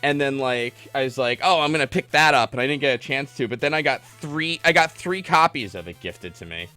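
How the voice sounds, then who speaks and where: This host of a gaming livestream podcast speaks a little fast in a mid-range voice that is bright, forceful, clear and resonant, with lively intonation and no echo. He chats and rambles with callers in a geeky, self-deprecating style as he plays, retro video game music running in the background.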